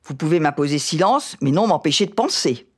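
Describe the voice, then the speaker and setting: A woman's voice: low-pitched, lively intonation, darkish tone. A woman reading aloud as a proud young wife who answers her husband with cold, dignified defiance. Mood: defiant. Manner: icy, measured, dignified defiance.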